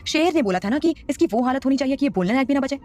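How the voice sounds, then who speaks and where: Level-headed young man, calm reasoning tone, audio drama, voiced by a woman. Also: high-pitched, very fast, voice pushed up.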